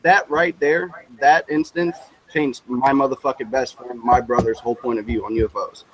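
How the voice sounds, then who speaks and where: A man chatting on a livestream, telling a story in an excitable, profane way. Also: medium pitch, normal speed, rough recording. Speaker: guest on a livestream. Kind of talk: casual chat, storytelling.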